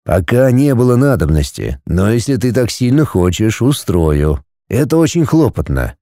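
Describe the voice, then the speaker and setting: A man's voice: lowish voice, big pitch swings, moderate pace, mellow, no room sound, studio quality. A man voicing a blunt, possessive male dragon lord, speaking cool and curt.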